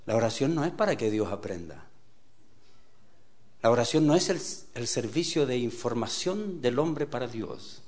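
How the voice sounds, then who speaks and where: A man preaching a sermon, with rhetorical questions to the audience and a delivery that swings from loud exclamations to quiet asides. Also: mid-range voice, animated, moderate pace. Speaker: pastor.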